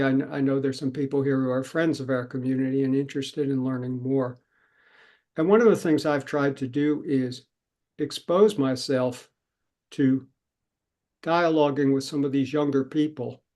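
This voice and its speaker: Slow, measured man on a panel. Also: medium pitch, steady tone, dark tone. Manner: measured, reflective. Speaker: panel speaker. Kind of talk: panel talk.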